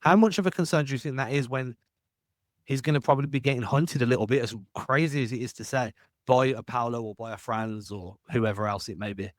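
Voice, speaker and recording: A man's voice: mid-range voice, a little fast, no echo, clean studio sound. A man hosting a sports podcast, asking long winding questions and laying out his own analysis with self-deprecating asides. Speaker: podcast host.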